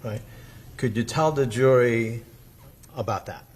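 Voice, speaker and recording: Husky male attorney questioning a witness. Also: mid-range voice, darkish tone. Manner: halting, deliberate questioning. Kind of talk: courtroom examination. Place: courtroom.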